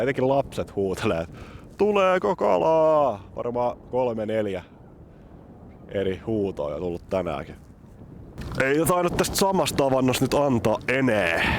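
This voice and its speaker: Excitable man from vlogging outdoors. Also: mid-range voice, a little hiss or hum. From Helsinki, Finland. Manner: excitable, chatty, explaining technique. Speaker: fishing vlogger. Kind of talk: casual outdoor vlog narration. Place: outdoors on a frozen city lake.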